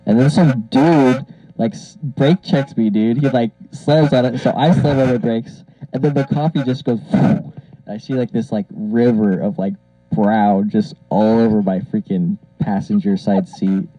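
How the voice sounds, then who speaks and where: A man's voice: mid-range voice, fairly even intonation, measured pace, dark tone, dry recording. A young man co-hosting a casual podcast through an old karaoke microphone that makes him sound like a pilot on an intercom, rambling and laughing often. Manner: rambling, laughs a lot, filler-heavy. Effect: muffled karaoke-machine mic, like a pilot on an intercom. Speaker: podcast co-host. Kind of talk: casual chat. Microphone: old karaoke machine microphone. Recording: dull lo-fi karaoke mic, dry.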